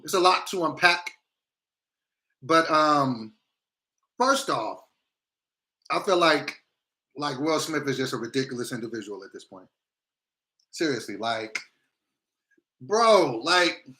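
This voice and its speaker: A man's voice: a little high, bright, forceful tone. A man chatting casually on a livestream in a blunt, slangy, opinionated way, speaking with a grill on his teeth. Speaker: livestream host.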